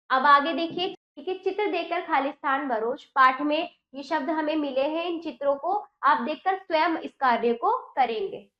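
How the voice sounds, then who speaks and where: A woman teacher reading a children's textbook lesson aloud with slow, deliberate diction and quizzing the children with questions. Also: high voice. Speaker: primary school Hindi teacher. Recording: roomy, dull lo-fi sound.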